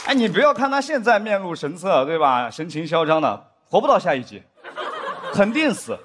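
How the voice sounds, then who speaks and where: This stand-up comedian talks fairly quickly as he spins stories for a live theater crowd, dropping his voice low to act out dramatic scenes. Laughter and audience noise from the stage run throughout his lively set.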